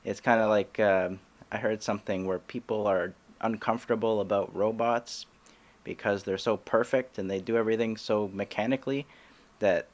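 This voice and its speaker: A man hosting a comedy podcast in casual chat, talking haltingly with many restarts and little laughs. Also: lowish voice, fairly even intonation.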